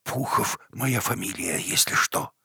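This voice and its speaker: A man's voice: lowish voice, a little slow, creaky, sharp tone, slightly rough, no room sound, studio quality, pitched above the performer's own voice, exaggerated voice. A man voicing a confused, defensive middle-aged working man in an audiobook story. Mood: bewildered.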